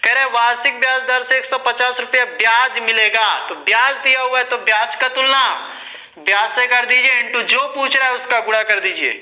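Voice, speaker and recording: A man's voice: very high-pitched, normal speed, bright, forceful tone, reverberant, poor audio. A man teaching a maths lesson, patient and asking and answering his own questions as he talks students through sums. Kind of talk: classroom lesson explaining sums.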